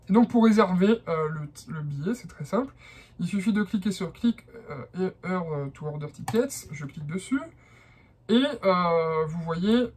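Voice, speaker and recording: A man's voice: sits high, a little mellow, husky. A man from France with a French accent, explaining a how-to in a hesitant vlog style with many fillers. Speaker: vlogger.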